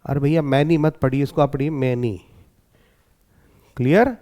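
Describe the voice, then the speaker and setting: High-voiced Indian man teaching pronunciation. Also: lively intonation, quick pace, mellow. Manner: explains step by step, checks in with 'clear?'. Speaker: English teacher. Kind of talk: exam-prep lesson.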